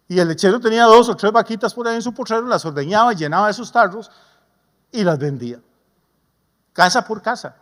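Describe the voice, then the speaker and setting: A man's voice: sits high, a bit bright. A man, a pastor preaching a sermon in a folksy, humorous way with homely stories. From Costa Rica. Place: church sanctuary. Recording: long church reverb.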